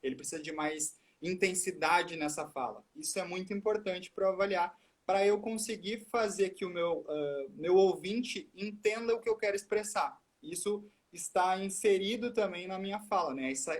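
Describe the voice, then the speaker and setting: High-voiced man explaining patiently. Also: normal speed, few pauses. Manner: didactic, explains step by step with rhetorical questions. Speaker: speech therapist guest. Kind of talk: explanatory live chat.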